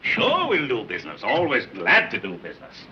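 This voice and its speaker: Sarcastic cop boss, voice jumps all over, dull old film audio. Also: male voice, medium pitch, wildly swooping pitch, normal speed. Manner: dry, mocking. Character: sarcastic middle-aged police commissioner. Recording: dull old 1930s film soundtrack, faint hiss.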